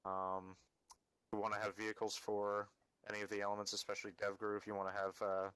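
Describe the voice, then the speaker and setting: A man with a low voice briefs a team on a military game mission. His delivery is very monotone and matter-of-fact, giving directions haltingly in a close, dry sound. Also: smooth, no echo, poor audio.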